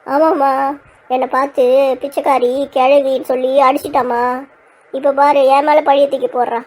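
Shrill, rapid-fire old grandmother with a scolding, threatening manner, played by a woman. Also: steady tone. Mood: plaintive. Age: older. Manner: scolding, threatening, then tearful. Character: feisty quarrelsome old grandmother. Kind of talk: comic village skit acting.

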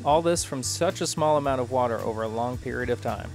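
Calm male host narrator, thirties, even mid-range voice, light music behind. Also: mid-range voice, fast. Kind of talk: scripted voice-over narration.

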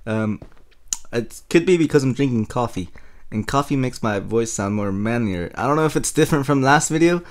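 A young man giving casual let's-play commentary over his own gameplay, excitable and quick to laugh. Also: medium pitch. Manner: excitable, laughs often, shrieks at surprises. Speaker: gaming channel host.

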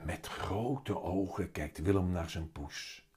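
A man reading a children's story aloud in a slow, lively storyteller's manner. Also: deep voice, breathy edge. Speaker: children's book reader.

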